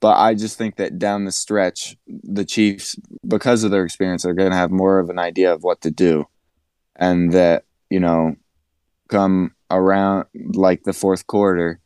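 A man with a very deep, smooth voice shares his football views with hesitation and plenty of hedging. The sound is close and dry. He talks in a plain, casual way. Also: little pitch movement, a little slow, a little mellow, dry recording. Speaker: podcast co-host. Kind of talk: casual sports chat.

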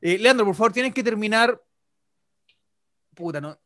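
A young Chilean man hosts a casual podcast, teasing and laughing in a clearly high voice. His slangy talk sounds dry and close to the mic. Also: expressive, normal speed, a bit bright, no room sound. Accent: Chilean Spanish. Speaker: podcast host.

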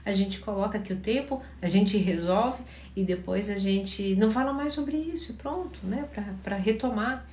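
A woman from Paraná with a Curitiba accent, a therapist calmly answering viewers' questions in a live chat, sounding tired. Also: medium pitch, moderate pace, hardly any pauses, reverberant, a little hiss or hum. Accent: Curitiba Portuguese. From Paraná, Brazil. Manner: calm, advising, often checks in with listeners.

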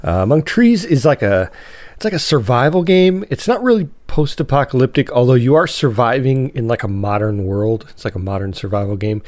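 A man's voice: medium pitch, animated, brisk, a little mellow, dry recording. A man hosting a solo podcast with a cold, sounding nasal, talking in a rambling, chatty way and often correcting himself. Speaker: podcast host. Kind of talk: casual solo podcast talk.

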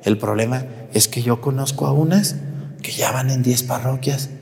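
A man in his forties, a priest giving a sermon, loud and shouting as he tells stories. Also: mid-range voice, normal speed, creaky, in a large hall. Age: 40s. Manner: loud, shouting, animated storytelling.

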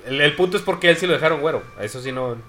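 A man's voice: fairly high pitch, very fast, crowd noise. A Mexican man co-hosting a podcast, joking and questioning in slangy casual chat. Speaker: podcast co-host.

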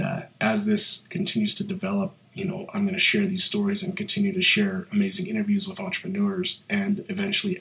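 A man hosts a podcast on his own, and his fairly low voice has a nasal tone from a cold. He speaks in a motivational, pep-talk way and often fills pauses with "like" and "um". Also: gravelly, fairly bright tone, poor audio. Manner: motivational, with many fillers like "like" and "um". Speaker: podcast host. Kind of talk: solo podcast monologue.

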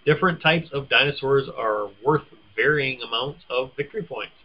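A husky-voiced man chats playfully and teases his co-host as he reads out game descriptions. His pitch sits in the middle of the range. The recording is dull and lo-fi. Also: normal speed. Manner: playful, teasing. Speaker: podcast co-host. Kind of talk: casual chat, reading game blurbs.

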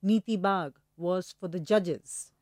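A woman's voice: lowish voice, slow pace, darkish tone, no echo, studio quality. A woman with an educated urban Indian accent, explaining conversationally as a historian guest and repeating words for emphasis.

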